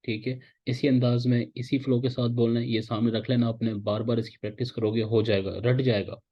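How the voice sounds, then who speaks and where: A man's voice: mid-range voice, little pitch movement, fairly quick, dark tone. Man teaching casually. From Pakistan. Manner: casual, repetitive teaching, often checks in with "theek hai". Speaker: instructor. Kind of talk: recorded lecture. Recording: slightly dull, lo-fi audio.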